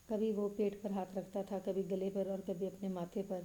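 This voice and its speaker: A woman narrating a story in a steady, even reading voice. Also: rough recording. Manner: steady, even reading with little pitch movement.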